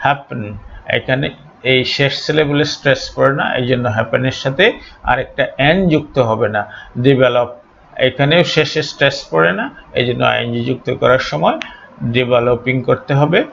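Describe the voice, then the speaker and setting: Gravelly man teaching a patient lesson. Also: medium pitch, a bit bright, dull audio, a little hiss or hum. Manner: deliberate, spells out letters, frequent "ah" fillers. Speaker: English teacher. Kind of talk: explanatory grammar lesson.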